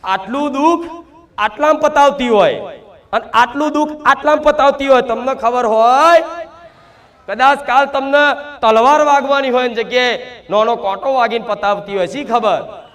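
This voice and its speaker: Very high-voiced man preaching as goddess. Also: moderate pace, fairly bright tone. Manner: emphatic, repeated rhetorical questions. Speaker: devotee speaking as the goddess. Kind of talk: devotional sermon in first person as goddess.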